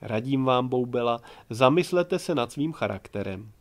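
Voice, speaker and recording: A man playing a pompous male engineer who lectures with loud contempt, then fawns on his boss. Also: medium pitch, animated, lightly acted. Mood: gloomy. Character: pompous scornful male engineer, middle-aged.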